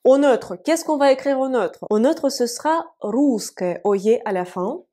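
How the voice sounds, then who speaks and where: A woman teaching an online language lesson, spelling words letter by letter and saying example words slowly and carefully. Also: high voice, lively intonation, dark tone. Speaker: Russian teacher. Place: room with whiteboard.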